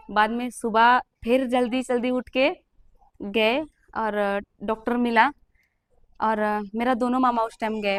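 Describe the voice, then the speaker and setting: Young woman, fairly high voice, emotional testimony teller, dry sound. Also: clear, resonant tone, no echo. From Jharkhand, India. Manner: earnest and emotional, acting out the people she quotes. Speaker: testimony giver.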